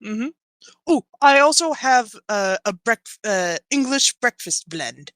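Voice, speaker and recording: A woman's voice: fairly high pitch, lively intonation, slow pace, a bit bright, no echo, studio quality, pitched above the performer's own voice. A woman voicing a giant moose-centaur barkeep. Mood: dry. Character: huge female moose-centaur bartender.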